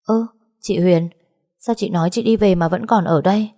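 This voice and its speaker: A woman voicing a curious, concerned young woman teacher who asks her questions softly. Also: fairly low pitch, moderate pace.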